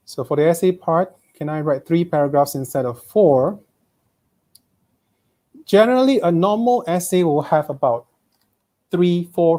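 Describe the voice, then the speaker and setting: With a warm, somewhat high voice and a Malaysian accent, this man runs an online English exam-prep lesson. He reads out students' questions and keeps checking in with a frequent "okay?".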